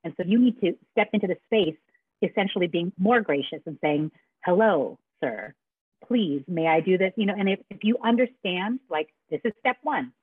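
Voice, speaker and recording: A woman's voice: mid-range voice, no room sound. A woman co-hosting a talk show, explaining a point earnestly and restarting her sentences often. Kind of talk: casual conversational talk. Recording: dry, husky, phone-like line.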